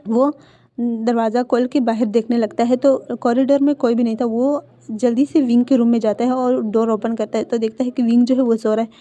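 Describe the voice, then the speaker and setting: Woman storyteller retelling fan fiction; plain and steady, mellow dark tone, muffled recording. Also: on the high side.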